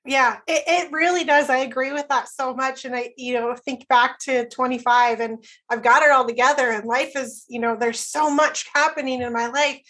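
A woman's voice: high voice, steady tone, moderate pace, few pauses, fairly bright tone. A woman in her late thirties hosting a podcast interview, agreeing and conversational. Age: 30s. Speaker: podcast host.

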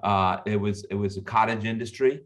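A man's voice: on the low side, steady tone, a little fast, a bit bright. A man from Florida and the Bahamas, a company founder, talking easygoingly as an interview guest. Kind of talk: casual interview.

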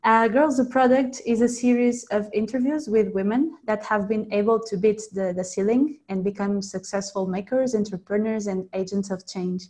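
A woman's voice: mid-range voice, fairly even intonation, normal speed, hardly any pauses, darkish tone. A woman hosts an interview podcast. She opens with a friendly, read introduction and then asks her questions, repeating words here and there. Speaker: podcast host.

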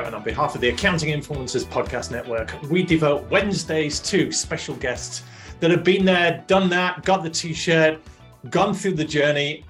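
A male podcast host with a mid-pitched voice. He presents and interviews in a spoken, presenter's style. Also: fairly bright tone.

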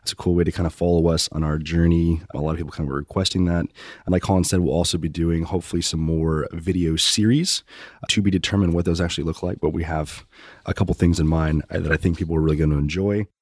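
A man's voice: sits low, fairly even intonation, fast, darkish tone, no room sound, clean studio sound. A man co-hosting a podcast in casual chat, with a nasal voice congested from a cold. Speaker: podcast co-host.

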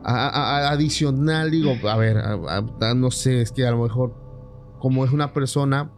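A man's voice: mid-range voice, moderate pace, soft background music. A man hosting a casual podcast chat, hesitant and often stumbling and restarting his words. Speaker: podcast host.

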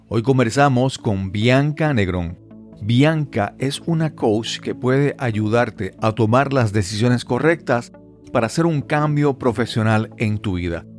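A man's voice: mid-range voice, darkish tone. Man hosting a podcast. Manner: friendly, asks follow-up questions. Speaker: podcast host. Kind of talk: podcast intro and interview.

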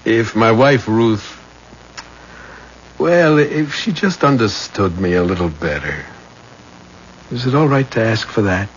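An actor playing a meek, earnest, bewildered shopkeeper and husband, speaking haltingly in a period drama. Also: male voice, fairly low pitch, lively intonation. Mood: meek, wistful. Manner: hesitant, halting. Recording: dull, noisy old recording.

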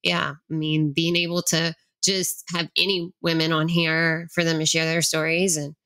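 A woman's voice: sits low, flat delivery, moderate pace, a bit bright, clear, resonant tone. A woman hosting an interview podcast, talking in a loose, rambling way with many fillers. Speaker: podcast host. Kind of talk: casual interview chat.

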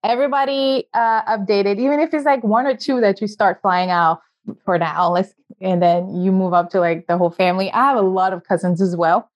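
A woman's voice: mid-range voice, fairly even intonation, a little fast, lo-fi sound. A woman hosting a podcast interview, chatty and full of fillers and restarts. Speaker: podcast host. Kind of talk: casual interview chat.

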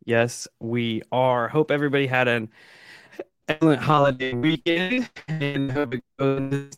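A man co-hosting a podcast in easygoing casual chat, his voice glitching and jumping in pitch over a bad internet connection. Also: measured pace, clear, resonant tone, no echo, soft background music. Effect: glitchy robotic internet dropouts with jumping pitch. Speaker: podcast co-host. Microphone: boom-arm microphone.

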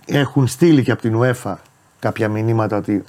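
A man's voice: on the low side, warm tone. Insistent man arguing in a studio. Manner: insistent, argumentative. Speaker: guest commentator. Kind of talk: casual studio debate.

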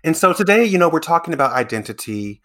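A man hosting a podcast interview, asking questions and explaining ideas in an earnest, measured way. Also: on the high side, big pitch swings, a bit bright. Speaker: podcast host. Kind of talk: conversational interview.

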